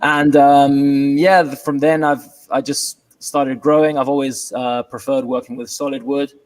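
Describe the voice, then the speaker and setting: A man with a British London accent, Spanish by birth, talking as a guest over a video call in a relaxed, hesitant way with wry humor. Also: medium pitch, measured pace. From England. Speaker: guest, furniture maker. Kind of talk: casual video-call interview.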